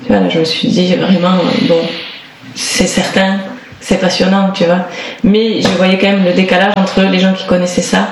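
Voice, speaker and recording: In a casual interview, a singer from the Toulouse area of southern France speaks in a lowish voice at normal speed, with little pitch movement. She sounds thoughtful and hesitant, searching for words through many restarts and fillers. The room is echoey and background noise is clearly audible.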